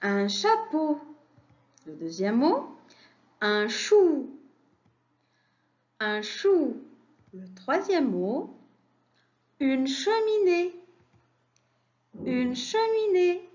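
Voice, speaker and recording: A woman teaching a phonics lesson to young children, stressing each syllable slowly in a sing-song way. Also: sits high, big pitch swings, darkish tone, lo-fi sound.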